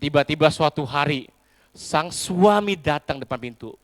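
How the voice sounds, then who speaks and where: A male pastor, giving a lively comic sermon in animated storytelling, calling out to the crowd. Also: fairly high pitch, normal speed, no room sound, clean studio sound. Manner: animated storytelling with a sing-song rise and fall and crowd call-outs.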